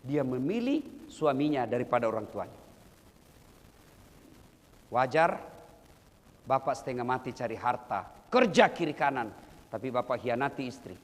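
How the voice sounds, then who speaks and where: A man giving a humorous sermon to a live audience, telling stories animatedly and leaping into loud, high exclamations. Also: sing-song, normal speed, pauses often. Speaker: Islamic preacher. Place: large hall with an audience. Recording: reverberant hall, faint background noise.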